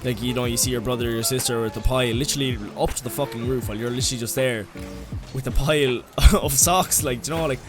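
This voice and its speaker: A man's voice: mid-range voice, fairly even intonation, quick pace, over music. A young man with an Irish accent, ranting comically in a rambling, sweary way full of "like"s. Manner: rambling, sweary, heavy use of "like". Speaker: vlogger. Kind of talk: comedic rant.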